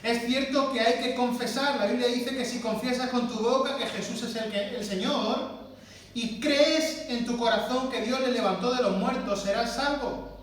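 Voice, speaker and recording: A high-voiced man preaches with emphatic force, repeating words for stress. He sounds distant from the microphone, and his voice rings through a very echoey church hall. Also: fairly even intonation, normal speed, slight background noise. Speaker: pastor. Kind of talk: sermon.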